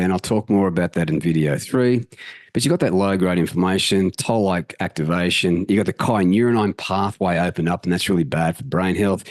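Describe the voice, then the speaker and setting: A man with a very low voice walks viewers through health slides with lively, casual energy. He throws in the odd swear word as he goes. The sound is dry and close, with no room echo. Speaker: health channel host. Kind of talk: presenting slides, casual talk.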